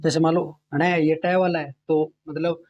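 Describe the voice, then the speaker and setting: Hindi grammar teacher, slightly high voice. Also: male voice, level tone, lo-fi sound. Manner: explains step by step, often checks in with the students; repeats sounds slowly to demonstrate them. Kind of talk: exam-prep lesson.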